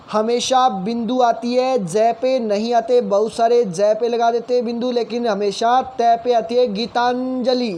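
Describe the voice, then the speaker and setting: Brief: high-pitched male teacher, patient and repetitive spelling drills. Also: darkish tone. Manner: repeats points patiently, calls listeners brother. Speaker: shorthand teacher. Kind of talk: spelling lesson.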